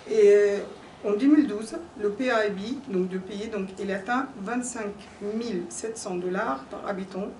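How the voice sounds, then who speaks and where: A young woman gives a formal conference talk in French, not her first language, hesitating often with pauses, fillers, and restarts. Her voice is medium-pitched and darkish. The conference hall is echoey, with a distant mic picking up background noise.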